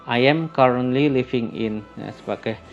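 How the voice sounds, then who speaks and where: A man teaching a class, calmly explaining English greetings and introductions and slowing down for the example phrases. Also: mid-range voice, creaky. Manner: calm and explanatory, switching into slow, lifted voice for English example phrases. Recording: lo-fi recording with faint music.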